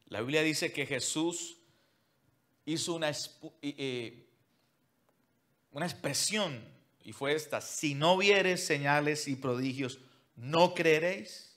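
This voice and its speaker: Fiery preaching man, fairly high voice. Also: slow pace. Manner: preaching with sweeping shifts between loud emphasis and near-whisper; mocks what churchgoers say in a whiny put-on voice. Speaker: pastor. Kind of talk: sermon.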